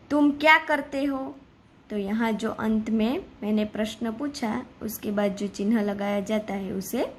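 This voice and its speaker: A woman's voice: on the high side, slight background noise, rough recording. A woman teacher, patiently explaining a grammar lesson and reading example sentences aloud. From Gujarat.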